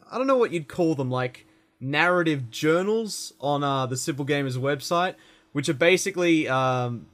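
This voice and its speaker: A man's voice: a little high, a bit bright. A man hosting a casual gaming podcast, chatty and rambling, with fillers and self-corrections. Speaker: podcast host.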